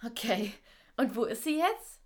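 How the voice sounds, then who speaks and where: A woman voicing a busy, caring kindergarten teacher in a children's audio drama, brisk and practical. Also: on the high side, animated, noisy background.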